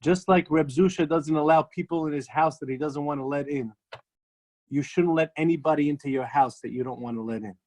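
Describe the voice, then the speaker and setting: A man acting out a wise old sage in a story, who speaks low, unhurried and measured. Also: a little mellow, natural voice. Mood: calm. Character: calm, wise old sage giving counsel.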